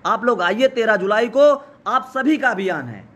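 Hoarse, high-voiced man rallying supporters. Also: expressive, moderate pace, fairly bright tone. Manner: urgent, exhorting, repetitive. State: hoarse from shouting. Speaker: protest organizer. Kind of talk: live rallying speech. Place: outdoor protest site.

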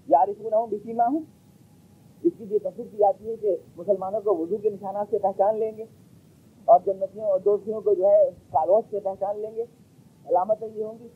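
A man delivering a Quran commentary lecture, asking rhetorical questions and swinging between loud emphasis and quiet asides. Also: sits high, steady tone, fairly quick, husky. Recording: lo-fi muffled recording.

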